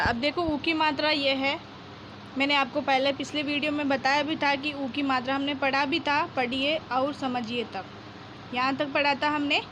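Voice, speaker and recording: A woman's voice: high-pitched, sharp tone, a little hiss or hum. A woman teaching a lesson to young children. She sounds out each syllable, repeats whole words, and asks questions that she answers herself. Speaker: primary school teacher. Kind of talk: slow spelled-out reading lesson for young children.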